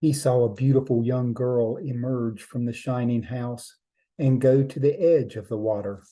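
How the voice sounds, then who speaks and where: A man telling a traditional trickster tale as a storyteller, in measured short phrases with deliberate pauses. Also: mid-range voice, warm tone, rough recording.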